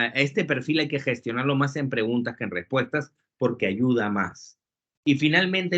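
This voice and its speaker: A man giving a webinar talk on leadership, lively and joking, acting out quotes along the way. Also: mid-range voice. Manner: lively, jokey lecturing with acted quotes. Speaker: webinar speaker. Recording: muffled lo-fi webinar audio.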